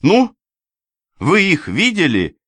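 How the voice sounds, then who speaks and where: A man voicing a commanding, impatient young woman agent who barks brisk orders. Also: mid-range voice, animated, sharp tone, no echo, studio quality.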